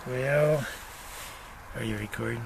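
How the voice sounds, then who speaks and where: An older man giving a casual do-it-yourself demonstration inside a small greenhouse, talking in an unhurried, folksy way full of fillers. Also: medium pitch, creaky. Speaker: homesteader showing his build. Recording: noisy camera audio.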